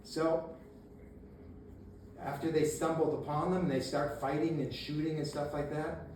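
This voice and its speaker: Unhurried and fairly high-pitched, a man tells a lively local history story to an audience in a meeting room, shouting out quoted lines and laughing frequently. The casual talk was recorded by a distant camera, so the room sounds echoey with a little noise.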